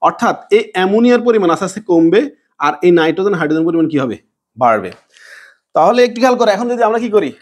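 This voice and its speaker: A man teaching a chemistry lesson, asking the class questions and answering them himself in a lower, softer voice, repeating key words. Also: expressive, racing. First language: Bengali. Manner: drops to a low soft voice on answers. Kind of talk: classroom lecture.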